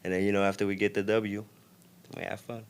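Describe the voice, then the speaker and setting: A young man from Senegal with a Senegalese accent, a guest in a casual interview, talking in a relaxed, reflective way with many fillers. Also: fairly low pitch, brisk, vocal fry. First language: Wolof. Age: young adult.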